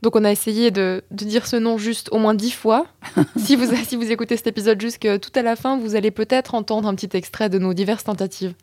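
A woman hosting a podcast, asking a guest friendly, measured questions. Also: medium pitch, steady tone, darkish tone, no room sound, clean studio sound. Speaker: podcast host. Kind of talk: interviewing a guest.

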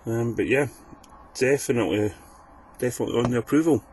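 A man's voice: medium pitch, brisk, darkish tone, poor audio. A man from Fife, giving a casual recorded review as a podcast listener. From Fife, Scotland. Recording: clear ambient background noise.

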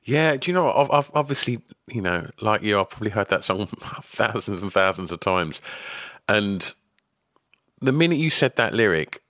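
A man with a bright, forward voice that sits fairly low, recorded dry. He interviews in an informal, chatty style, as a host in casual conversation. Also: expressive, moderate pace, dry recording.

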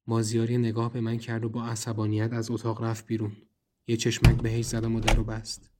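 A man's voice: on the low side, monotone, heavy background noise. A man narrating a horror audio drama in the first person and speaking his own character's lines in a tense, wary way. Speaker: narrator and writer.

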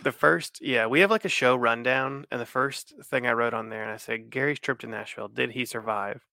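Nasal, congested man with a creaky voice. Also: mid-range voice, a little fast, bright, forceful tone, dry recording. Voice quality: nasal from allergies. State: congested with allergies. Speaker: podcast co-host. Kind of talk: casual chat.

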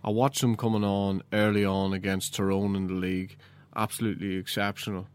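A man's voice: on the low side, little pitch movement, a little fast, smooth. An Irish man giving casual sports analysis as a pundit.

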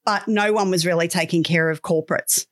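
A woman's voice: lowish voice, steady tone, a little fast. A middle-aged Australian woman telling stories in a casual interview, with a candid, wry, colloquial manner. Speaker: podcast guest, business owner.

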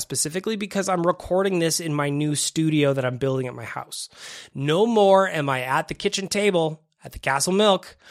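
A man hosts a casual sports podcast by himself from a small home basement studio, sounding slightly nasal, phlegmy and congested from a mild cold-like illness. He talks informally and repeats phrases for emphasis. His voice is a little high, and the studio-quality recording has no room sound.

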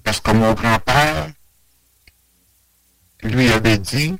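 A man whose voice is disguised by a voice changer with added distortion, telling a personal story hesitantly, with many pauses. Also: medium pitch, a bit bright, a little hiss or hum.

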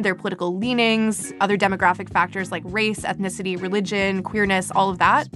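A woman in her twenties from Canada, host of a podcast, reading scripted narration in a wry, casual, self-deprecating way. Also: mid-range voice. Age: 20s.

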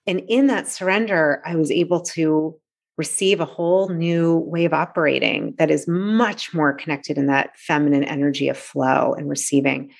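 A woman in her forties speaks with a fairly low voice. She talks earnestly and reflectively as a coach in a casual interview, sprinkling in fillers as she goes. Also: normal speed, creaky. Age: 40s. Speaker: coach and author.

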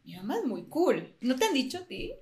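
A woman's voice: high-pitched, wildly swooping pitch, a little fast, darkish tone. A woman with a Mexican accent co-hosting a podcast, chatting casually in slang and laughing along. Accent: Mexican Spanish. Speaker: podcast co-host. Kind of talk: casual chat.

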